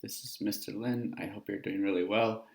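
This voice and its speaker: A male teacher explains a lesson in a loose, friendly way, often pausing on "uh" and "um." His voice sits low with a gravelly fry. The room around him is echoey. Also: little pitch movement, a little mellow. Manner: casual, explanatory, many "uh" fillers. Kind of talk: recorded class lesson.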